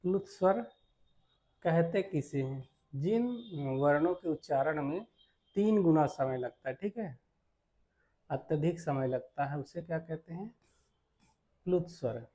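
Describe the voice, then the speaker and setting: A male teacher works through exam questions at a very slow, deliberate pace. His voice sits a little high but sounds dark and mellow. He poses each question twice, answers it himself, and checks in often with "theek hai.". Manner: slow and repetitive, asks then answers his own questions; frequent "ठीक है" check-ins. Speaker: Hindi teacher. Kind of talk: exam-prep lesson, solving multiple-choice questions.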